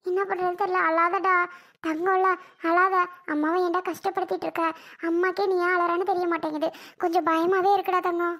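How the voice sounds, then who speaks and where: A woman's voice: very high-pitched, level tone, a little fast, a bit bright. A woman voicing a tired young mother in a cartoon, fretful and soothing toward her crying baby. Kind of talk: cartoon voice acting.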